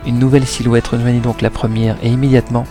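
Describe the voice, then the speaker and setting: A man narrating a noir detective audiobook in a steady, measured way. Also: mid-range voice. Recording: reading with music behind. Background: background music.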